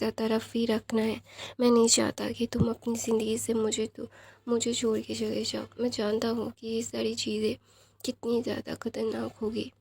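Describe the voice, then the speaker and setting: Possessive young lover, read by a woman, soft and husky, monotone delivery. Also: fairly high pitch. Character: possessive lovestruck young man, tender and stern.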